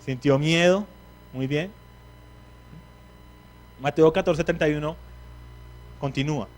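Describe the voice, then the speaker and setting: Lively preacher man teaching a congregation. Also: a little high, slow. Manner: animated teaching, asks the congregation questions; acts out the quoted speech of biblical figures. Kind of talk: sermon.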